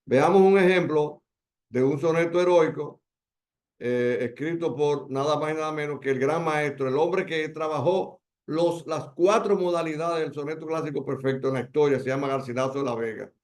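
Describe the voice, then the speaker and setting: A man whose Spanish carries a Dominican accent runs a virtual poetry workshop by video call. His voice sits on the high side and is a little mellow, and he hammers home key words by repeating them and slowing down.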